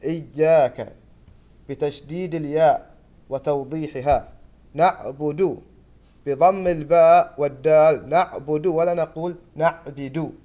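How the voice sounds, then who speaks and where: A man with a Gulf Arabic accent leads a tajweed lesson in a fairly high voice. He chants the verses slowly and sets each correct pronunciation against the common mistake. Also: fairly even intonation, dark tone. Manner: slow, deliberate, contrasting correct and wrong pronunciations. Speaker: Quran recitation teacher.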